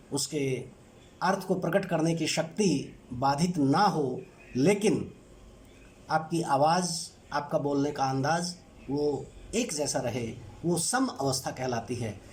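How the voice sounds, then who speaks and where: A man teaching a lesson on language sounds, speaking in measured, deliberate short phrases with pauses. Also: on the high side, slight background noise. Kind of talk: explanatory lecture.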